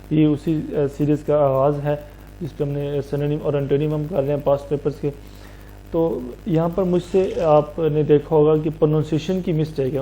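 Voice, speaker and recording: A man teaches a vocabulary lesson, pausing to ask what a word means and then answering it himself. His voice is very dark and mellow but sits a little high. A faint electrical hum runs under the recording. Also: poor audio. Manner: explains each word slowly, asking and answering himself.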